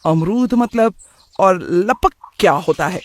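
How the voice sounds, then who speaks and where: A man's voice: high voice, animated, slow pace. A man voicing a careless young office-going son who talks in a casual, dismissive way in a cartoon story. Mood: breezy. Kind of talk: cartoon voice acting.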